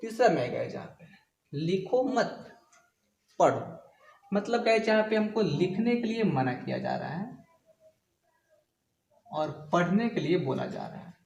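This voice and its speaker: High-voiced man teaching Hindi grammar. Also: sing-song, creaky, a little mellow, echoey room. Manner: explains slowly, repeats definitions, addresses viewers as guys. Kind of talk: classroom-style video lesson.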